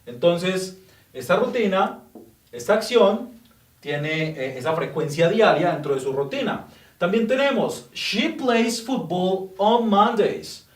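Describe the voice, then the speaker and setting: A man's voice: high voice, lively intonation, far from the mic. Man teaching in an echoey room. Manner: patient, repeats example sentences slowly. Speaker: English teacher. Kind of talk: explanatory online lesson.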